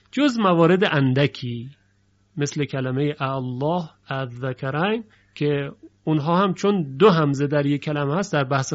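Man teaching recitation, dull lo-fi sound. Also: on the high side. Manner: explains step by step, recites example phrases slowly. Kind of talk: lecture on recitation variants.

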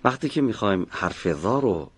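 A man's voice: lowish voice, animated, breathy edge. A man teaching the pronunciation of Arabic letters in a recorded lesson, methodically explaining mouth positions step by step and calling on students. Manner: models sounds slowly and calls on students.

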